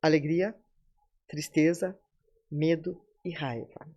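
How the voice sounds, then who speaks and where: Slow, steady, and a little mellow, this low-voiced woman in her seventies speaks with a Brazilian Portuguese accent. She's a guest on a podcast, giving listeners a motivational talk and addressing them directly.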